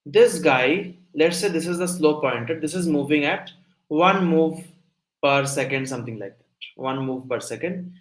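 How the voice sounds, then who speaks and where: In a rough, reverberant recording, a young coding instructor with a fairly high pitch speaks at normal speed. His live online lecture goes step by step, and he regularly checks whether his listeners follow along.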